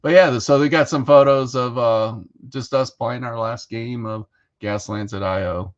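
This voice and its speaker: A man co-hosting a casual hobby podcast, talking in a relaxed, rambling way with lots of fillers. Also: medium pitch, unhurried, lo-fi sound. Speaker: co-host.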